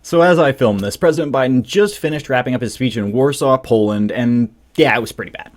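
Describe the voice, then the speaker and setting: A man's voice: medium pitch, a little fast. A man hosting a political commentary show, delivering a scripted monologue with sarcastic, mocking asides.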